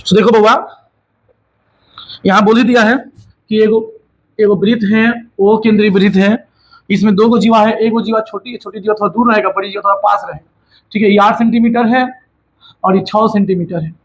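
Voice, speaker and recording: A man teaching maths in with a high, husky voice. He keeps the lesson casual and teasing, and scolds students playfully. He also puts questions to himself as a student would, then answers them. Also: steady tone, normal speed, pauses often, poor audio. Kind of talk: casual classroom explanation.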